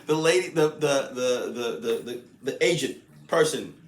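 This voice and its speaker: A man's voice: medium pitch, moderate pace. A man casually telling a long story, rambling, laughing often and repeating himself. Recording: echoey room with faint ambience.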